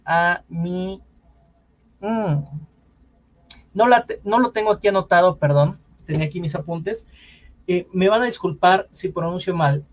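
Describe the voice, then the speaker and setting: A man with a Mexican accent teaches public speaking in an online session. His voice sits high for a man. He talks in a loose, conversational way, with apologetic asides and self-corrections. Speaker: radio announcer giving a public speaking talk. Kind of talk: online lecture.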